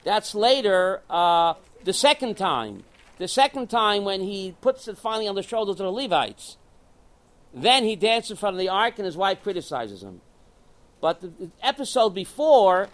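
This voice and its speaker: High-voiced man teaching an animated class. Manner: animated, repeats phrases, asks and answers own questions. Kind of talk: religious class lecture.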